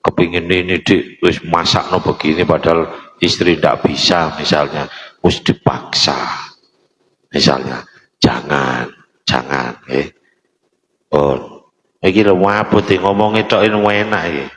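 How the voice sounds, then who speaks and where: A man's voice: deep voice, moderate pace, fairly bright tone. An older man preaching a sermon with a Javanese accent, mixing Arabic recitation with chatty asides to the congregation. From Indonesia. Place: mosque hall. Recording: echoey mosque hall.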